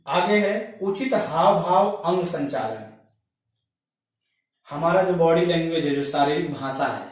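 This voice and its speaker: A man with a fairly high voice delivers a methodical classroom lecture, working through his points in order. His voice sits back from the microphone and rings in a strongly echoing room. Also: far from the mic. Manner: methodical, lists points one by one. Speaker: teacher trainer. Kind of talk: lecture on language skills. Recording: echoey room, voice off-mic.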